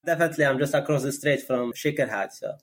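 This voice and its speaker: Relaxed man from Morocco. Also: mid-range voice, fast talker. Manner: relaxed, with hesitations. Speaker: cardiology fellow guest. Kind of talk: conversational self-introduction.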